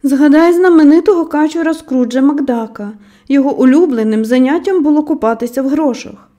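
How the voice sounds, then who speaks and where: A woman's voice: high voice, fairly quick, warm tone, lightly acted. A woman voicing a clever, confident boy in an audiobook, speaking in a lecturing, insistent tone.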